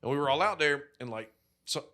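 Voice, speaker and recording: A man's voice: on the high side, expressive, a little fast, pushed and bright. A man co-hosting a podcast, telling stories in a rambling, profane way, with lots of "like" fillers. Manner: rambling storyteller, heavy swearing, many "like" fillers. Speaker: podcast co-host. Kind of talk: casual profane chat.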